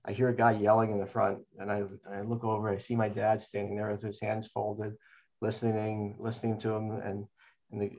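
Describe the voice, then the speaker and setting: A man's voice: lowish voice, darkish tone. An older man recalls his memories in an oral history interview. He rambles from one anecdote to the next and often restarts his sentences. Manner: rambling storyteller, frequent restarts.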